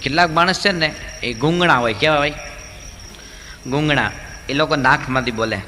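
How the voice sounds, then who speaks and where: A male monk giving a humorous sermon in a large hall, telling jokes and acting out characters in lively storytelling. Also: fairly high pitch, normal speed, a little hiss or hum.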